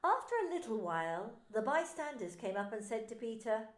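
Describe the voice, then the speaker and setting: A woman minister narrating scripture in an expressive, deliberate way. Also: on the high side. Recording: echoey room.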